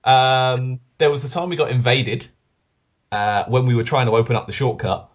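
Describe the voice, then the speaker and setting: A man co-hosting a podcast, telling a gaming story in animated fashion and acting out the quotes in casual chat. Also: medium pitch, normal speed. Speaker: podcast co-host.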